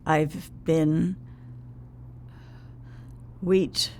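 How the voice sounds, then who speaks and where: A very old woman in her nineties reminiscing in a casual interview, speaking haltingly in short phrases with pauses mid-sentence. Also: deep voice, steady tone, a little mellow, slight background noise. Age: 90s. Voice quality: very old woman's gravelly, creaky voice.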